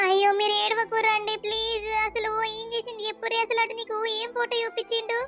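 A woman's voice: very high voice, monotone, brisk, pushed and bright, faint music behind. A woman voicing an anxious middle-aged village mother, pleading and questioning.

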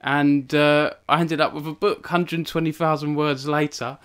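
Chatty young man, smooth clear voice. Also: a little high, little pitch movement, measured pace, fairly bright tone. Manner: rambling, filler-heavy, self-deprecating. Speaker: author hosting a book launch stream. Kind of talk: casual live stream chat. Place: home log cabin.

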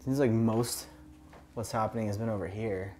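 A man investigating a haunting, asking questions in a hushed voice during a casual ghost-hunting session. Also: fairly low pitch, fairly even intonation, normal speed, soft background music. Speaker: paranormal investigator.

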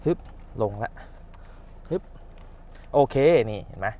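A man's voice: takes it slowly, darkish tone. Casting: male mechanic host, casual chatty how-to demo, effort grunts mid-task. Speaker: car mechanic and channel host.

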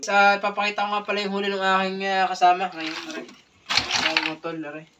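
His voice is high, monotone, bright and forceful, and he talks fairly quickly over dull audio. He's a Filipino spearfisher and vlogger in his thirties, casually showing viewers his catch in a small tiled kitchen at night and thanking them over and over. A distant phone picks him up with clear background noise.

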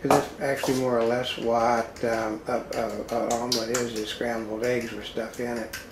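A man's voice: medium pitch, flat delivery, normal speed. A man co-hosting a casual home cooking demo, talkatively giving tips and addressing viewers as folks. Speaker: cooking show co-host. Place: home kitchen, indoors. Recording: echoey kitchen with clear background noise.

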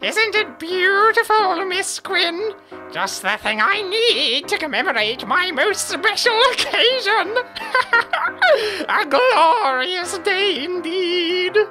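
A man voicing a gleeful clown supervillain in a theatrical, drawn-out, cackling manner for a comic dub. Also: very high-pitched, sing-song, bright, forceful tone, soft background music, pitched above the performer's own voice, heavily acted, rough recording. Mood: gleeful, sly. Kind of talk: comic dub character acting.

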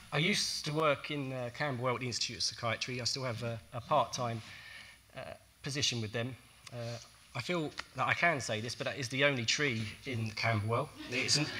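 Bright-voiced man with a South East London accent. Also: mid-range voice, a little hiss or hum, poor audio. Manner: chatty, with joking asides. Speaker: conference speaker, consultant nurse. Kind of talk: conference presentation. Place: conference venue.

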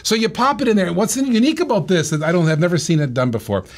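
A talk show host acts as an animated gadget salesman, talking fast and repeating phrases and prices over and over.

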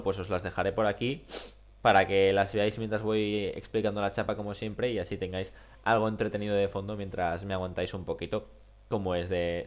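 A young man from Spain speaks with a Spain Spanish accent in a lowish voice. A cold leaves him congested and nasal, with a duck-like sound. He rambles casually and colloquially, like a gaming YouTuber talking over gameplay. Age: young adult. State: sick with a cold. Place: small room at home.

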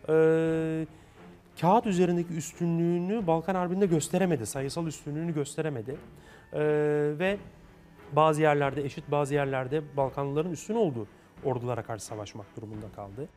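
Hesitant historian, mellow voice, man. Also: on the high side, a little fast. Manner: hesitant, many filler sounds and restarts. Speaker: interviewed historian. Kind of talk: unscripted explanation.

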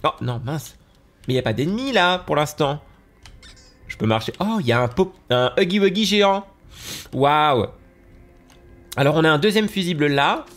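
Excitable nasal man with lively pitch. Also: normal speed, long pauses. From France. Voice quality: nasal from allergies. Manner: excitable, gasping and exclaiming often. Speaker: gaming YouTuber. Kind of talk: let's play commentary.

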